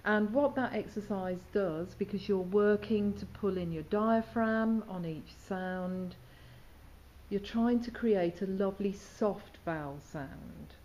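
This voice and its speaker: A woman's voice: medium pitch, slow, darkish tone, highs cut off, slight background noise. A woman teacher instructing students in diction, asking questions and demonstrating sounds. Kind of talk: questioning students and explaining exercises.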